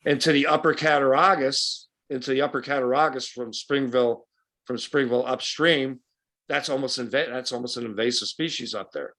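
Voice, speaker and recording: A man's voice: medium pitch, a little fast, fairly bright tone. A man from western New York talking bluntly and casually as a fishing guide at a club meeting, with a folksy, opinionated way of speaking.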